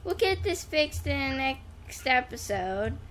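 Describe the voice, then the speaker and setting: Woman host, bright and animated, unhurried, playful and bossy. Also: sits high, a little hiss or hum. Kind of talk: casual gaming chat.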